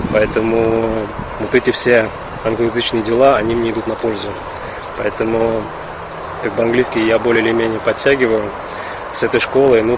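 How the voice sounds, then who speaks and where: A man from Russia, chatting in a halting, reflective way in a casual vlog recorded outdoors with wind on the mic. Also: on the low side. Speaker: vlogger. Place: outdoors in a park. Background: wind and outdoor ambience.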